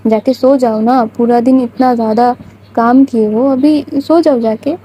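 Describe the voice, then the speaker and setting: Woman doing a curious teasing girlfriend, higher voice, warm and breathy. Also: steady tone, low-quality recording. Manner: teasing, questioning.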